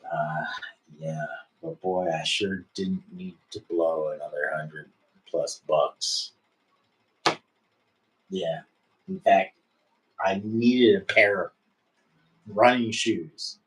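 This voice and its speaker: A middle-aged man chatting on a casual livestream. His voice sits very low, and he takes his time, drawling slowly through easygoing, rambling talk full of "uh"s and restarts. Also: fairly bright tone, a little hiss or hum, poor audio. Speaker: livestream host and musician.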